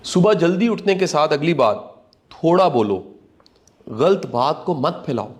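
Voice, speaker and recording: A man's voice: a little high, expressive. Earnest emphatic man. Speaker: commentator. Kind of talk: talk show commentary.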